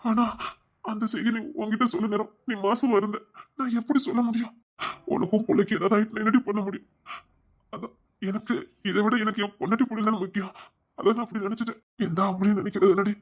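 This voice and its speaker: An anxious, remorseful young husband in a TV serial, with a Tirunelveli Tamil accent. He talks quickly, pleading and soothing, and repeats his apologies over and over. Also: sits high, steady tone. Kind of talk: TV serial acting.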